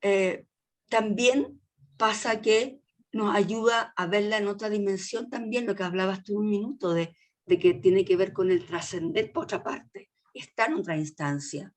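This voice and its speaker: A woman's voice: medium pitch, a little slow. Frank, colloquial Chilean woman. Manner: colloquial, frank, with many restarts. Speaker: colloquium participant. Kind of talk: casual group discussion.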